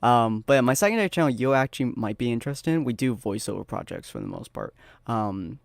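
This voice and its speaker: Young man, interviewer, casual chat, giggly, fry in the voice, dry sound. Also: mid-range voice, sing-song, brisk, no echo. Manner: giggly, self-deprecating.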